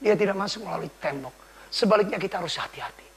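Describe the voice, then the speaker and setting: A man preaching a dramatic sermon, retelling a story and acting out its voices, dropping to whispers and rising to shouts. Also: sits high, lively intonation, quick pace, gravelly. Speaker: pastor.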